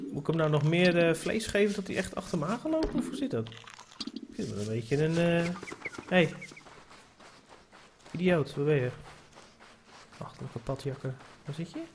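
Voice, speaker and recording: A man casually commenting on his survival game, swearing and coaxing an in-game pig in a playful sing-song voice. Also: fairly high pitch. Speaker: gamer streaming a survival game. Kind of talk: casual let's-play commentary. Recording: noisy home setup.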